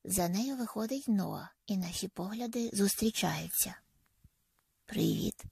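A woman narrating a first-person audiobook in a soft, intimate manner that often drops to a half-whisper. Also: mid-range voice, moderate pace, creaky, slightly rough, no echo, clean studio sound.

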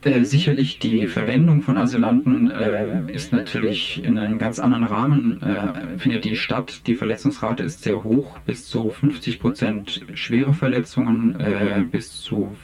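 A man playing an anonymous police union insider who speaks in a disguised deep voice, halting and full of hesitant fillers. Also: creaky, a crowd in the background. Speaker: police union member interviewed on radio. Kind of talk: satirical radio interview sketch.

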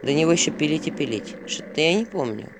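A reader putting on a gruff grumbling male owl. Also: medium pitch, sing-song, quick pace, background noise, lightly acted. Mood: gloomy. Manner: gruff, muttering, crude. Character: grumpy male talking owl, gloomy and wary. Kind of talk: audiobook character voice.

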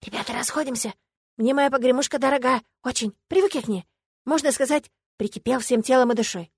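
Cheeky young student joker voiced by a woman narrator, wheedling excuses, pitched up, in an audiobook. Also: fairly quick, husky, no room sound, clean studio sound. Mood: joking.

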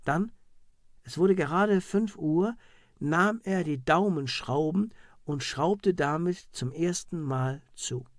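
A man in a measured, solemn reading of a historical court record. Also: fairly high pitch, a little mellow, no room sound, studio quality. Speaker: narrator.

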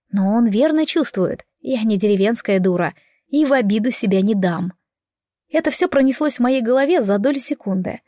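Lady reading a story in first person, wry and lively, dry mic. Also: a little high, no room sound. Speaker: audiobook narrator.

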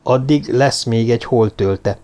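A man voicing a calm, probing man in an audiobook, talking in a casual, even way. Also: medium pitch, close to an everyday voice.

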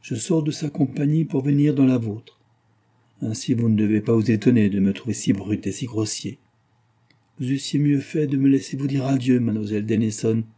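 A man reading as a brooding, tormented gentleman. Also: mid-range voice, normal speed, slightly rough, close to an everyday voice. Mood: grave tormented. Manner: grave, tormented. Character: proud, brooding gentleman traveller in his forties. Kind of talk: audiobook reading of a novel.

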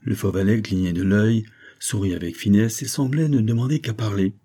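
A man narrating a classic novel as an audiobook, in a measured storytelling manner. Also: fairly low pitch, mellow. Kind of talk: scripted narration.

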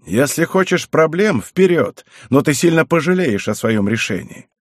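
A man voicing a stern, angry old clan head in an audiobook, speaking slowly and in clipped, pressing phrases. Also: fairly high pitch, very animated, dry recording, studio quality, pitched above the performer's own voice. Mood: threatening.

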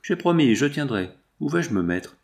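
Man voicing a bright eager inn servant girl. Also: mid-range voice, sing-song, normal speed, voice pushed up, close to an everyday voice. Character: cheerful young woman serving at an inn.

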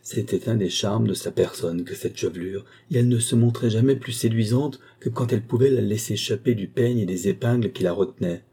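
A man reading a novel aloud in a measured, dramatic narration. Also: lowish voice, dark tone, husky. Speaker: audiobook reader. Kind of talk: scripted narration.

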